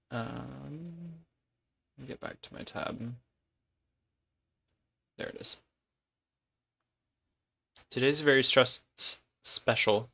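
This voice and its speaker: Slow, gravelly-voiced male streamer. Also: medium pitch, sharp tone. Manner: rambling, corrects himself mid-sentence. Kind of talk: casual live-stream chat.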